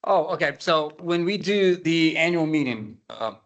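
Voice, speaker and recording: A man organizing a committee meeting, explaining matters in a casual way, often halting and repeating words as he talks. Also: on the high side, lively intonation, a bit bright.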